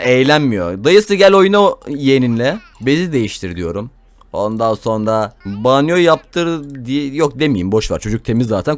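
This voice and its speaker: A man's voice: mid-range voice, no room sound. A young man giving casual, crude, joking commentary while playing a game, talking to viewers and to the characters. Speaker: gameplay commentator.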